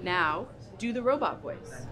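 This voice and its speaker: A woman's voice: lowish voice, very animated, a little slow, fairly bright tone. A woman acting in a student film, playing a strict, sarcastic new vice principal with a dry, commanding manner. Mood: stern. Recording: noisy amateur school video recording.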